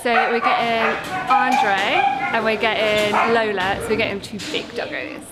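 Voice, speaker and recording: A woman's voice: fairly high pitch, steady tone, normal speed, over loud music, low-quality recording. A young woman chatting in a bubbly, casual way on a travel vlog. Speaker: travel vlogger.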